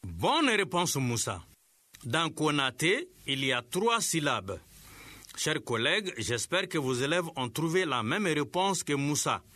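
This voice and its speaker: A man teaching a scripted radio lesson, giving slow, clear instructions to teachers and pupils. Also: a little high, sing-song, pushed and bright, no echo.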